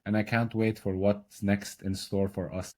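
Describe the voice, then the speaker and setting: A young adult man from Lebanon, a podcast guest who explains technical ideas in an energetic, casual way, often checking in with "right?". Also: fairly low pitch, a little slow. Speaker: podcast guest, blockchain consultant. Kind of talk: casual explanatory interview talk.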